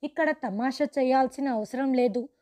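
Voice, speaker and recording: A woman's voice: high voice, normal speed, a little mellow, natural voice. A woman voicing a rich, arrogant man who scolds and brushes people off curtly in a storybook. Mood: dismissive, irritated. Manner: curt and scolding.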